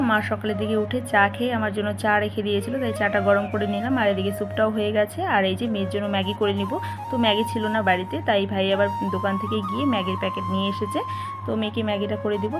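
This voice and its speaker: Woman vlogger in her thirties from Bengal, fast-talking, casual narration over music. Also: mid-range voice, little pitch movement, low-quality recording. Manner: chatty, narrating her chores as she goes. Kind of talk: casual home vlog narration.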